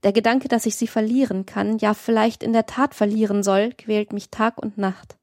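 A woman's voice: mid-range voice, steady tone, moderate pace, darkish tone, dry recording, clean studio sound, lightly acted. A woman voicing an imploring young man in a passionate love scene of an audiobook. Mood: pleading. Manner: fervent, imploring. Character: passionate pleading young male lover.

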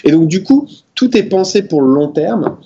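Guy being interviewed, rusty halting french with english words mixed in, a bit high pitched, dull lo-fi sound. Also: animated, dark tone. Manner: halting, out-of-practice French sprinkled with English terms. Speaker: interview guest, game developer. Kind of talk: casual interview answers.

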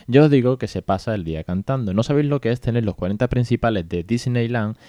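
A man's voice: medium pitch, fast talker, warm tone, no room sound. A man with a Spain Spanish accent, hosting a casual podcast monologue as a father, chatty and colloquial, with asides to his listeners.

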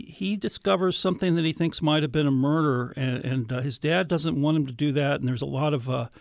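Guy hosting a radio interview, creaky voice, kinda halting and thoughtful, very dry sound. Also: mid-range voice, dry recording. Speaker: radio show host.

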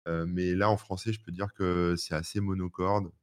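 Very deep-voiced rambling man. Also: flat delivery, normal speed. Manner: rambling, filler-heavy. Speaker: podcast co-host. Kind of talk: casual tech chat.

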